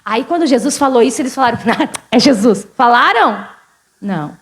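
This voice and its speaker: Uma mulher pastora com sotaque gaúcho pregando num culto, em tom de conversa e com muitas perguntas à congregação. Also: female voice, on the high side, animated, moderate pace, fairly bright tone. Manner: conversational, questions the congregation often. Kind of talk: sermon. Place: church service.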